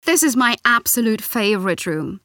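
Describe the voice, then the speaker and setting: Woman, fairly high voice, dry close recording, gentle even scripted lesson narration. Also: moderate pace, no room sound. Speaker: speaker in a listening exercise. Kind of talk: scripted first-person narration.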